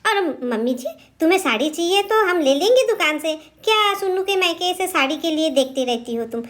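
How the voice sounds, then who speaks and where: A woman's voice: very high voice, expressive, brisk, fairly bright tone. A woman voicing a mild young husband in a doll drama, soothing and placating.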